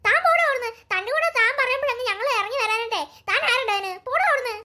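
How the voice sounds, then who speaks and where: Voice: extremely high pitch, rapid-fire, sharp tone, exaggerated voice. A voice actor playing two young girls in a cartoon, frightened and chattering as they walk home. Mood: defiant. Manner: fearful, chattering.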